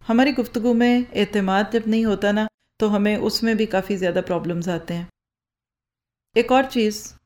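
A woman's voice: mid-range voice, darkish tone. Lady teaching a roomful of people how to talk better, on a mic, keeps going "and what is that?" then answers herself. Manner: rhetorical questions, answered herself. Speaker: speaking-skills trainer. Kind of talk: lecture to a live audience. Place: lecture hall with rows of listeners. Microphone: handheld or stand microphone.

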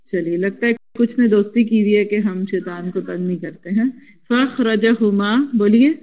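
A woman teaching a classroom lesson, spelling out root letters slowly and coaxing the class to repeat after her. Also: mid-range voice, a little mellow, highs cut off. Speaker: Quran Arabic teacher.

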